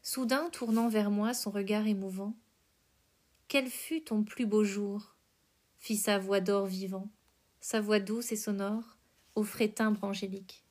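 Female podcast host, mid-pitched, slow and deliberate poetry reading. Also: fairly even intonation, darkish tone. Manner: slow, measured recitation with careful phrasing.

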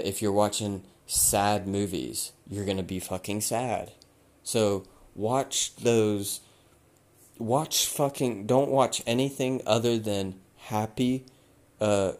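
A man hosting a podcast, giving blunt, casual advice and swearing freely, while he loses his voice and keeps clearing his throat. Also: lowish voice. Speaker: podcast host.

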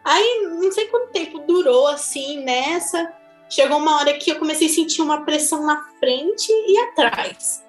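A woman with a Brazilian Portuguese accent recounts her own experience in a lively, chatty voice that sits high in pitch. She speaks casually and laughs easily. The room rings with echo, and faint music plays underneath. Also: normal speed. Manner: animated, chatty, laughs often. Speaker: mother telling her birth story. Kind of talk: casual personal storytelling.

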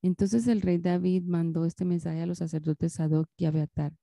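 Woman for a scripture reading: low, dark, gravelly, dry close sound, reads carefully and fixes her slips. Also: steady tone, moderate pace, no room sound. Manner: careful reading with occasional self-corrections. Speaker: Bible reader.

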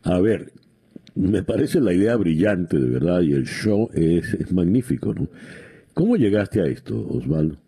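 A middle-aged man hosting a radio interview, talking in a measured, explanatory way with frequent hesitations. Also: sits low, big pitch swings, dark tone, breathy edge. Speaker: radio host.

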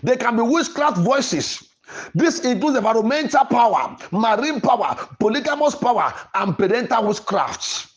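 Repeating lines to drive his points home, a preacher and podcast host gives a forceful, declarative sermon. He speaks at normal speed in a very animated, mid-range voice.

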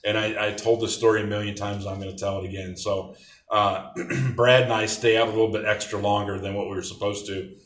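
A man's voice: lowish voice, flat delivery, fairly quick, fairly bright tone, recorded from a distance. A middle-aged man reminiscing casually about college days, telling long rambling stories with many restarts. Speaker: interviewee, former athletic trainer. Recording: roomy echo.

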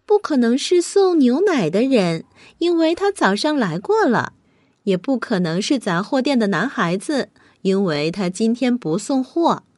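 A woman voicing a hospitable, wondering mother in a children's story, with an expressive, exclamatory delivery. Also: high-pitched, no room sound, full character voice. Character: young girl's mother, hospitable, wondering housewife.

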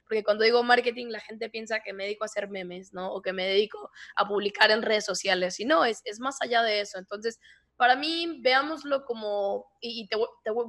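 A woman who hosts her own podcast and gives talks, appearing as a guest and speaking in an animated way, often correcting herself mid-sentence. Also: medium pitch. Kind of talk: conversational interview.

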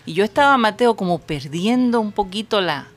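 A woman from Colombia hosting an entertainment talk show, expressive and exclamatory, given to dramatic sighs. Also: medium pitch, moderate pace. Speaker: show host.

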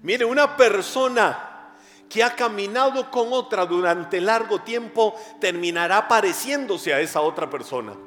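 A man's voice: high voice, lively intonation, a little slow, a bit bright, in a large hall, slight background noise. A Costa Rican man preaching a sermon as pastor, emphatic and rising on his questions. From Costa Rica.

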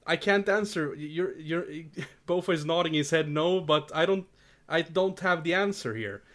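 A man with a slightly high voice chats casually on a podcast. He rambles and hesitates, often breaking into laughter. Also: moderate pace, fairly bright tone. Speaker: podcast co-host. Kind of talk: casual chat.

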